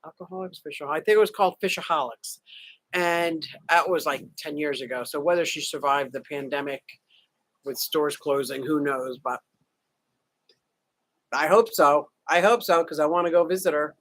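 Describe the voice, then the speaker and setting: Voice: mid-range voice, normal speed, a bit bright, dry recording. A livestream host chatting casually with viewers from a vacation room, joking around and greeting people by name. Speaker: livestream host reading chat. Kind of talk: casual live chat.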